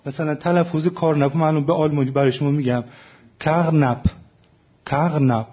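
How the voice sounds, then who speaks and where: A man's voice: on the high side, fairly even intonation, husky, highs cut off. A man, a translator, explaining his choices in an academic panel discussion, often stopping to correct himself. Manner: explanatory, frequent self-corrections and fillers.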